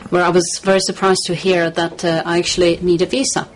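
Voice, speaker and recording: A woman from the Czech Republic, a studio guest in a radio interview, talking in a measured, hesitant way with many fillers. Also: lowish voice, level tone, a little hiss or hum, poor audio.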